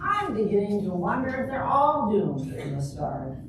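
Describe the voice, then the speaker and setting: An older woman playing a chatty, wistful, divorced Juliet in an amateur readers' theater comedy, with a deliberate stage delivery. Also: medium pitch, big pitch swings. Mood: wistful, wry. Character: chatty, wistful divorced Juliet, grown past her teenage romance. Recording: echoey hall from far off, noisy.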